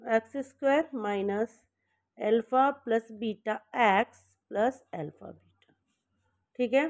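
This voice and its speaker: A woman's voice: on the high side, a little mellow. A woman teaching a maths lesson step by step as she writes, checking in with the class often and correcting her own slips.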